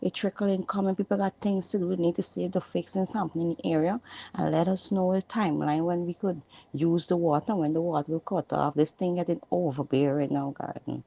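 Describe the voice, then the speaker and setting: A woman's voice: lowish voice, steady tone, fairly quick, gravelly, warm tone, slightly rough. A woman with a Guyanese accent leaving a recorded voice message that is played on air, complaining in a plain-spoken way. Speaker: caller sending a voice note. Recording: dull, lo-fi voice note.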